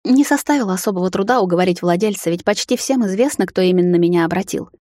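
A woman's voice: fairly low pitch, quick pace, dark tone, dry recording, natural voice. Woman voicing a shy young vampire maid, raised, breathless, pleading and near tears, dry storybook read. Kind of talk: audiobook character voice.

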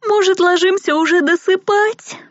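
A woman's voice: very high voice, normal speed, dry recording, voice pushed up. A sleepy, blunt young roommate, voiced by a woman in an audiobook, yawning through her words in a raised voice. Recorded dry and slightly dull.

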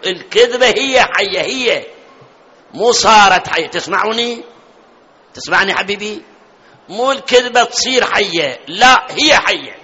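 Male preacher, high and sharp, quizzes the crowd; lo-fi hall recording. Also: animated, normal speed, pauses often. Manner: questions the audience often, recites verses in a chanting tone. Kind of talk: religious lecture. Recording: dull lo-fi sound with long hall reverb.

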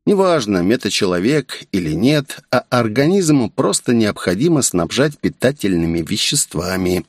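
An audiobook narrator reads a scripted story aloud with expressive storytelling. His voice sits on the low side and moves at a moderate pace, captured in a dry, studio-quality recording.

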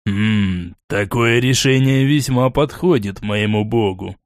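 A man voicing an ancient, cold, mocking male warrior in a slow, deliberate, sardonic manner. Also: on the low side, steady tone, no room sound, studio quality, voice pushed down. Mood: calm.

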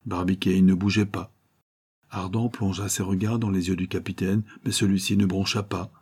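A man narrates a classic adventure novel at a measured, even pace. His voice sits low and mellow, with a husky grain that softens every line. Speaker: audiobook narrator.

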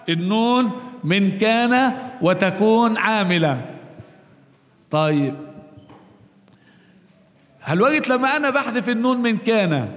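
A man teaching a grammar lesson, explaining slowly and repeating points, posing questions and answering them himself. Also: high-pitched, a bit bright. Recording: long reverb, roomy hall.

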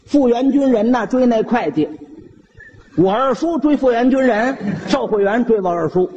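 A man with a Beijing accent telling a comic story in an animated, playful way. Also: very high-pitched, moderate pace, dull audio, slight background noise.

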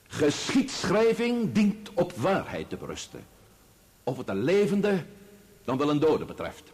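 In a radio drama, a male actor plays a formal, grave and indignant barrister, speaking in pompous, oratorical courtroom diction. His full character voice sits on the high side, a little mellow and husky.

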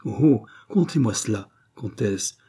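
Man doing a worried king, voice jumps up high and urgent, husky. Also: animated, unhurried, dark tone. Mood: eager questioning. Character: King Louis XVI, anxious, curious older man. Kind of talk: audiobook character voice.

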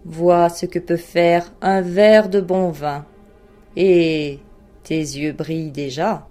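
A woman voicing a cruel, boisterous fat king who bullies and mocks loudly in a storybook reading. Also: lowish voice, steady tone, slow pace, faint music behind. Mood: mocking. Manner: loud, bullying, mocking laughter.

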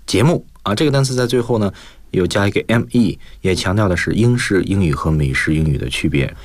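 A man's voice: low-pitched, brisk, no room sound. A man teaching English on a radio lesson, explaining words step by step and mixing in English terms.

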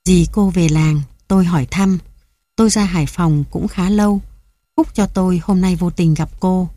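A woman reading the part of an earnest young man from the village, speaking gently. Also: sits high, steady tone, normal speed, dry recording, close to an everyday voice.

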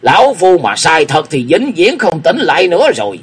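A man doing an eccentric old martial-arts wanderer from a read-aloud wuxia tale. He taunts and scolds at full volume, his husky voice swooping up and down in a lively way. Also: on the high side, normal speed, voice pushed up. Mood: scolding. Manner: loud, cackling, taunting.

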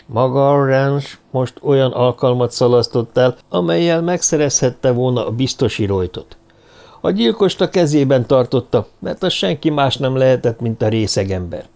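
A man reading an audiobook in measured scripted narration. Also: medium pitch, vocal fry, a little mellow.

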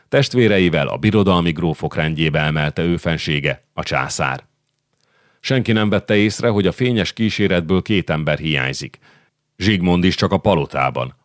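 Deep-voiced male audiobook narrator. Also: no room sound, studio quality. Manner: measured, steady storytelling. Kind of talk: scripted narration of a historical novel.

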